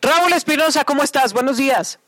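A woman anchors a radio newscast with indignant commentary. Her voice sits a little high and is recorded dry and close. She stacks up pointed questions. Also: fairly quick, a bit bright, dry recording. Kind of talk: opinionated news commentary.

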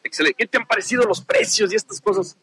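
A man interviewing passers-by outdoors on a street, asking brisk, friendly questions. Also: high voice, sharp tone, breathy edge, low-quality recording. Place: outdoors on a busy avenue.

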